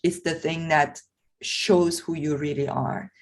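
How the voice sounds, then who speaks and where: A woman's voice: low voice, steady tone, takes it slowly. A woman, a podcast host talking earnestly and personally, thinking aloud with frequent fillers. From Iran. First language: Persian. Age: 40s. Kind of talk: reflective conversation.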